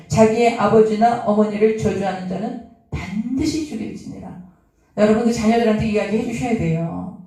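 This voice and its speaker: A pastor teaching through a Bible passage in an earnest, conversational sermon style, often pausing on fillers. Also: mid-range voice, mellow. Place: church. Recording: echoey room, voice from a distance.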